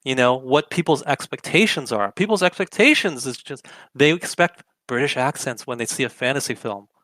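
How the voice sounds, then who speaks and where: A man's voice: mid-range voice, animated, moderate pace, fairly bright tone, no echo. A young adult man hosting an opinionated commentary show, arguing emphatically with lots of rhetorical questions. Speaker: political commentary host.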